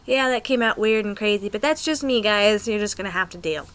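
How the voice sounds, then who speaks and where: A young American woman chatting to camera in a rambling, excitable way, with many ums. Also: mid-range voice, fairly quick, clear, resonant tone, low-quality recording. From United States. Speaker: pagan vlogger. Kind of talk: casual chat to camera.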